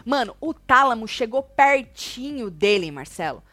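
A woman hosting a casual gossip show, retelling reality-show drama in an animated way. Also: a little high, unhurried, dry recording. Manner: excited, animated retelling with quoted shouting.

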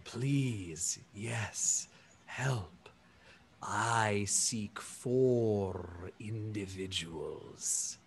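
A man voicing a huge, gentle male elephant-person alien, speaking slowly and softly in a low, hushed, halting and apologetic way. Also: breathy edge, full character voice. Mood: hopeful.

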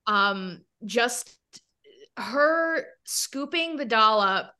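Bright-voiced woman guest chatting. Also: on the high side, lively intonation, drawn-out words, smooth. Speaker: podcast guest. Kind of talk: casual chat.

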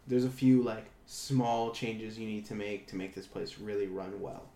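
A man's voice: lowish voice, little pitch movement, measured pace, mellow, roomy sound. A man chatting casually, telling stories animatedly, acting out quotes and swearing freely. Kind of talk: casual chat.

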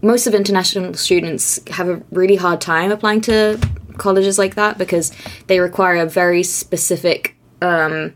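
A woman's voice: lowish voice, fairly even intonation, normal speed, a little hiss or hum. Chatty young woman, laughing often. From Austria. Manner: chatty, self-deprecating, laughs often, many restarts. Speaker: guest, narrative designer. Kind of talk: conversational interview.

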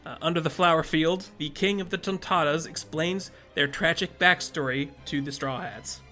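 A man's voice: on the high side, moderate pace, pushed and bright, faint music behind. A man hosting a podcast, casually recapping a plot with frequent "uh"s and laughs. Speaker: podcast host.

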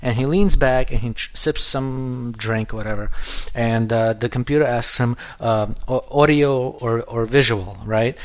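Man, 30s, podcast co-host, loose chatty delivery, sentences start over a lot, voice going hoarse. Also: mid-range voice, fairly even intonation, moderate pace, few pauses. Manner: rambling, restarts often, swears casually. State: losing his voice. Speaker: podcast co-host, app developer. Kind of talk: casual podcast chat.

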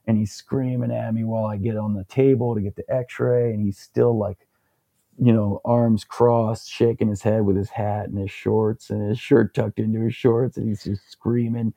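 A young man with a low, gravelly voice and a very dark, husky tone tells a long story in a loose, rambling way. He fills his speech with fillers and small laughs, and the dry sound puts him close to the mic. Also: flat delivery, moderate pace, dry recording. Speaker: interview guest. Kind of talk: casual storytelling.

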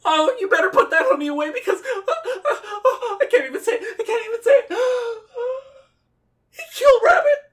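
A timid little storybook piglet in a very high voice. The delivery is fretful and stammering, swinging widely in pitch, and sits a little distant from the microphone. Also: male voice, animated, fast talker, hardly any pauses, sharp tone, heavily acted. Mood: tearful, nervous. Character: small, panicky, timid stuffed piglet, male.

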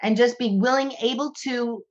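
A woman podcast guest telling animated, rambling anecdotes in casual conversation. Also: a little high, normal speed, highs cut off.

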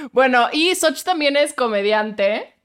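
A woman with an upper-class Mexican fresa accent, co-hosting a casual comedy podcast, telling stories with laughs and mimicking others. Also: a little high. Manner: animated, laughing storyteller who mimics others. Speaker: podcast co-host and voice-over artist.

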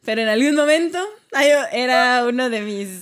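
Woman co-host, gushing and chatty, voice on the high side. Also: a little fast. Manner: gushing, sings snippets. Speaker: podcast co-host. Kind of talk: casual chat about K-pop.

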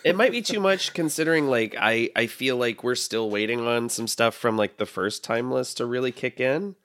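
A man's voice: medium pitch, normal speed, fairly bright tone. A man co-hosting a podcast, chatting enthusiastically about upcoming comics, often repeating words as he starts a thought. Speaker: podcast co-host. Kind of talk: casual chat.

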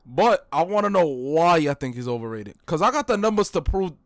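A young man hosting a casual chat, animated, laughing often and repeating himself. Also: a little high, fairly quick, dry recording, clean studio sound. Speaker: podcast host.

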